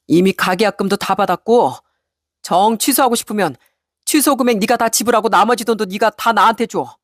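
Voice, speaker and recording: A woman voicing a cold, resolute middle-aged husband in a spoken story, talking flatly and deliberately. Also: mid-range voice, no echo, clean studio sound, natural voice. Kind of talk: storybook radio narration.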